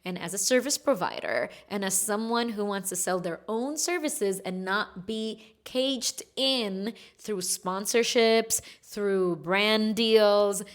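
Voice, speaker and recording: A woman hosting her own solo podcast, talking quickly and chattily to her listeners. She leans on words for emphasis, and her pitch sits in the middle range for a woman. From Egypt, raised in Kuwait. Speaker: podcast host.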